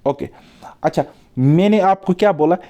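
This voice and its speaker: Coaxing male tutor with a mellow voice. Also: on the high side, normal speed, lo-fi sound. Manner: coaxing, repeats words and asks the class questions. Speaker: teacher. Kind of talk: exam-prep grammar lesson.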